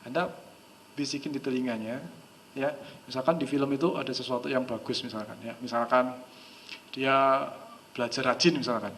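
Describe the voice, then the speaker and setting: A man giving a live hypnosis seminar in a lively, chatty manner, sometimes dropping to a low, soft voice. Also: moderate pace, pauses often, a little hiss or hum. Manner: lively, chatty, acts out quoted dialogue; drops to a low, soft voice for demonstrations. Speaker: hypnosis trainer.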